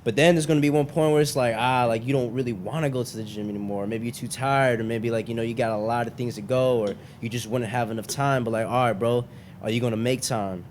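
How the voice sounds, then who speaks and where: A man's voice: medium pitch, steady tone, fast, darkish tone, a little hiss or hum. A young man hosting a casual podcast, talking in a slangy frat-bro way, peppered with bro and man. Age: young adult. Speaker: podcast host.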